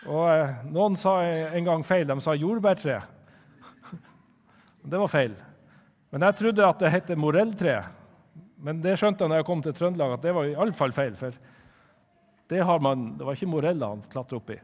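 A man from Northern Norway telling a Bible story to children in church, lively and chatty, asking his listeners questions. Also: a little high, long pauses, big-room sound.

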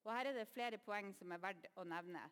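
A woman preacher giving a sermon, retelling the story in a lively way and acting out the voices. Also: mid-range voice, clean tone, in a large hall.

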